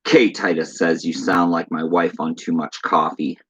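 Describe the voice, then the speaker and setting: A man's voice: low-pitched, flat delivery, normal speed, fairly bright tone, husky, poor audio. A man hosting a casual horror live stream, greeting viewers by name and reading their comments aloud in a laid-back, chatty way. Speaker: horror channel host.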